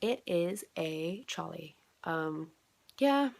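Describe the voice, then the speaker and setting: A congested young vlogger from South Dublin, Ireland, chats from bed at home about a video challenge while nursing a cold. She's animated and creaky, with a lowish voice and drawn-out words. Her rambling is peppered with "like," "um," and an occasional swear.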